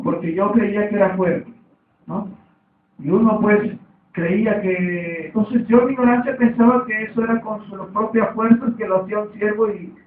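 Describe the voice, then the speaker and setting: A man preaching a sermon, repeating his points and calling for amens. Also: high-pitched. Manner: repetitive, calls for amen. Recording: echoey, distant, phone-like sound.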